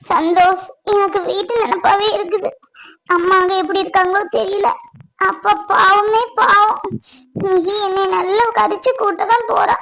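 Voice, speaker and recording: A woman playing an anxious young wife who has run away from home, speaking softly and pleadingly. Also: very high voice, steady tone, a little slow, creaky, exaggerated voice, low-quality recording. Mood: worried. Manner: worried, pleading, soft. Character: anxious young runaway wife, self-blaming. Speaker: actor. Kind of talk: family comedy-drama acting.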